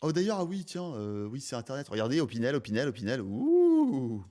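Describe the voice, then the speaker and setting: A man's voice: mid-range voice, lively intonation, fast, darkish tone. Male reaction host, teasing, exaggerated, chatty. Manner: mocking, playful, exaggerated. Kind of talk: casual reaction commentary.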